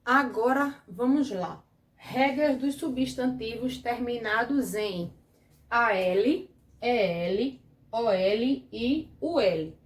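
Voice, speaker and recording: Brazilian woman teacher, higher voice, slow and patient, echoey room. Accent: Brazilian Portuguese. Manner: patient, asks the class questions and checks with "certo?". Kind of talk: grammar lesson for children.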